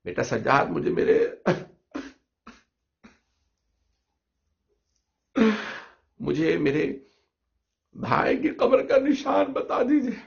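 A man voicing a grieving noble woman who wails for her brother in a high, sobbing voice, in a dull lo-fi recording. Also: very animated, drawn-out words, creaky, long pauses, heavily acted. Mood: wailing grief.

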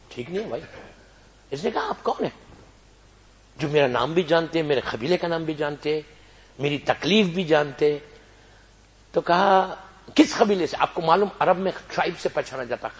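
This preacher recounts a religious story in his sermon, alternating soft, hushed passages with loud calls to his listeners. His pitch runs fairly high, against a little background noise.

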